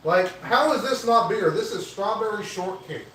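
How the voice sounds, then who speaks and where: Joking band member in an echoey room. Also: male voice, sits high, expressive, normal speed, sharp tone, far from the mic. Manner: joking, banters about beer. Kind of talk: casual livestream chat. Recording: roomy echo, off-mic, faint noise.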